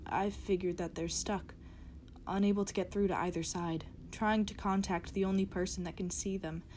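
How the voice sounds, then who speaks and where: A woman reading a horror story as a frightened diary writer, in a hushed, whispering narration. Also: mid-range voice, steady tone, moderate pace, slight background noise, lightly acted. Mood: fearful. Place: closet.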